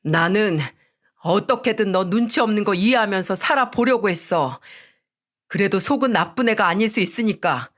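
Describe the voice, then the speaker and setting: A woman's voice: medium pitch, expressive, moderate pace, fairly bright tone. Woman voicing a firm young lawyer son. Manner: firm, decisive.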